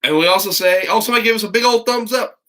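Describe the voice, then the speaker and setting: In a makeshift video corner at home, a middle-aged American host talks in a wandering, casual way to his viewers and a child, reading them stories like a teacher. His voice sits high and comes out rapid-fire with a sharp tone. He is from the United States.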